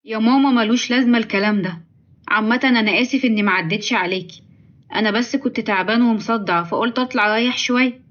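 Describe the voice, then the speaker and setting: A woman voicing a gentle, weary grown son pleading with his mother, with an Egyptian accent. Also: on the high side, fast, muffled recording, natural voice. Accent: Egyptian Arabic.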